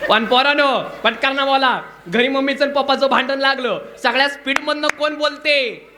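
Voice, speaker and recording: High-voiced joking village preacher, man. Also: steady tone, normal speed, noisy background. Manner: bantering call-and-response, coaxing the crowd to shout. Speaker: kirtan preacher. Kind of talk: humorous devotional sermon to children.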